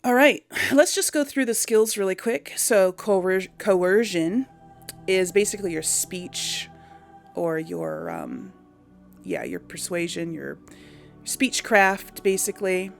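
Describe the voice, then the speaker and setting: With music behind her, this gaming host speaks slowly in an expressive, gravelly, mid-range voice. She chats casually with her audience about the game, musing aloud as she meanders.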